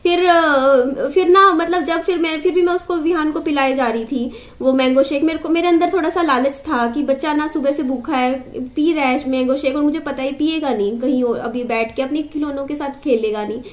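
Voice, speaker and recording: A young woman with a high voice tells a rambling everyday story to her viewers. She talks in a chatty way and circles back to repeat her points. The room around her is echoey. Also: normal speed, hardly any pauses. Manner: chatty, repeats herself, asides to her child. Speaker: vlogger. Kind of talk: casual storytelling to camera.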